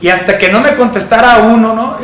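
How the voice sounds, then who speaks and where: Guy preaching in church, high voice, tells stories from when he was a kid, room's pretty echoey. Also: a little fast, a bit bright, slight background noise. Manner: storytelling, acts out his childhood fear in a higher voice. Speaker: pastor. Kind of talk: sermon. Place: church sanctuary.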